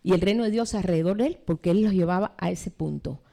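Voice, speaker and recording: A middle-aged woman teaching a sermon at a seminar, acting out quoted voices with sudden swings in pitch. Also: fast, creaky, warm tone. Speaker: seminar preacher.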